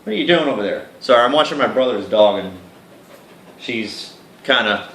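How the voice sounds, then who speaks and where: A chatty, animated man hosting a game playthrough, his speech swinging lively up and down in a bright, forceful tone. He reads the story aloud with feeling and breaks off to talk straight to his viewers. His voice sounds roomy, with a faint hiss behind it. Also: mid-range voice, moderate pace. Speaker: let's play host reading a visual novel. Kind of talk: casual game commentary with dramatic reading.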